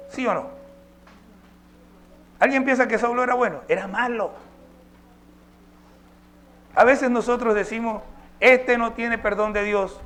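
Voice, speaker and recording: A man's voice: high voice, a bit bright. A male pastor preaching a sermon, emphatic and posing rhetorical questions to his congregation.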